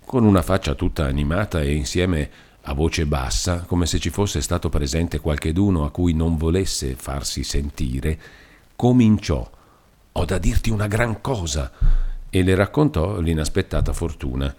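A man reading a classic novel aloud as an audiobook narrator, with expressive, measured storytelling. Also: a bass voice.

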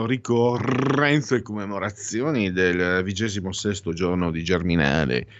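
Male host, very low voice, digressive commentator with lots of self-corrections, dull lo-fi dry sound. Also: no room sound. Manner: ironic asides. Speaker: radio or podcast host reading daily anniversaries. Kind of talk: casual spoken commentary with opinions.

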